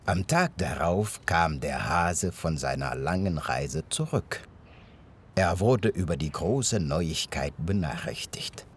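A male storyteller reading a fairy tale aloud, very slow and deliberate. His lowish voice rises and falls expressively. Faint music plays behind him.

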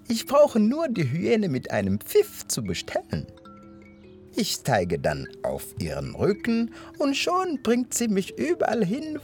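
A squeaky, shrill little hare from a storybook, as a man puts him on, crafty and boastful. His voice sits far above a man's usual pitch and leaps about wildly. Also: exaggerated voice. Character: sly boastful male hare, small trickster.

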